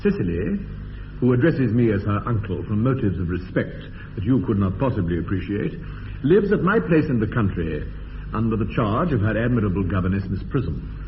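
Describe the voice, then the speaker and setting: In a period-comedy radio drama, an actor plays a stuffy, upper-class young English gentleman, pompous, evasive and quick to take offense, his pitch swooping sharply over clipped, formal, indignant phrases. The delivery is sing-song at a moderate pace, and the narrow, tinny recording carries long reverb and background noise.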